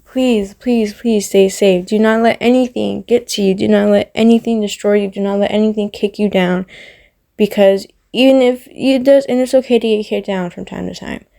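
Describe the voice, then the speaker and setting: A Roblox YouTuber speaks to her viewers in an earnest, heartfelt ramble, filled with fillers and repeating herself for emphasis. Her voice is medium-pitched with a dark tone and vocal fry, and her intonation stays fairly even at a moderate pace.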